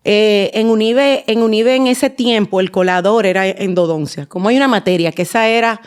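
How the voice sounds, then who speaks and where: A Dominican woman in her forties with a Dominican accent, a guest in a podcast interview, telling her story in an unhurried way with many fillers and restarts. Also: medium pitch, clear, resonant tone. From Dominican Republic. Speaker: guest, endodontist and dental teacher.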